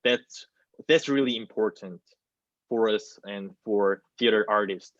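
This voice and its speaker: A fairly low-pitched man in his twenties, a theater student from South Korea, answers hesitantly in an online panel discussion, his non-native English Korean-accented, halting and full of repeated phrases. He's on a video call with wireless earbuds in a small plain indoor room, and the recording is dry, with muffled call audio.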